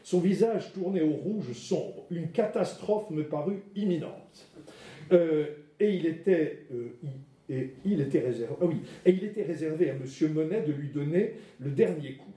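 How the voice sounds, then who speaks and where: Male lecturer, chatty and hesitant with fillers; mellow tone, recorded from afar in a reverberant room. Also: on the high side, animated, moderate pace. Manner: chatty, many fillers and repeated "hein". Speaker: art history lecturer. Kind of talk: lecture to a class. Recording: roomy hall, mic far off.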